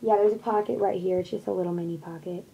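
A woman's voice: fairly low pitch, fairly even intonation, fast talker, vocal fry, lo-fi sound. A young woman casually showing off her shopping haul in her bedroom, chatting and rambling with lots of fillers, recorded on a webcam at close range. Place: small bedroom with posters, indoors. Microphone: webcam on desk at close range.

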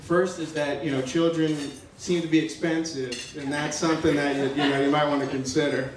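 A young man serving as best man gives a jokey, informal toast with fairly even intonation and a slightly high voice, halting yet affectionate and teasing. The roomy PA sound from his handheld mic reaches a distant camera. He's in a big wedding tent at night, surrounded by noisy guests.

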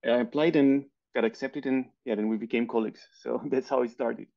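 A man from Bulgaria in his thirties, a scientist guest in a casual interview, speaking thoughtfully with soft laughs between points over a headset at home. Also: medium pitch, fairly even intonation, fairly quick, gravelly. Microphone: headset on video call. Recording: muffled video call audio.

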